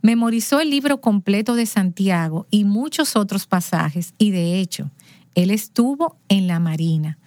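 A woman guest in a conversation, recounting a family story with lively expression and playing out the dialogue. Her voice sits in a middle register and sounds dry and close, with no room around it. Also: mid-range voice, normal speed, dry recording. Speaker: interview guest.

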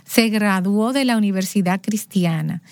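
Telling a family anecdote with lively expression, a woman guest in a conversation plays out the lines of dialogue. She speaks at normal speed in a medium pitch, recorded close and dry without any room sound.

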